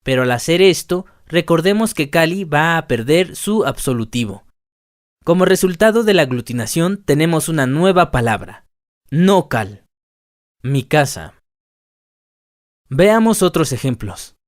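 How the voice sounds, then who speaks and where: A man narrating a scripted language lesson, reading word lists slowly and deliberately. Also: a little high, animated, no room sound, studio quality. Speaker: language teacher.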